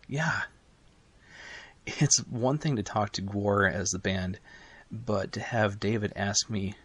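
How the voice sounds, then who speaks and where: A man's voice: low-pitched, fairly bright tone. A young man, a music writer, narrating an earnest spoken tribute with small slips.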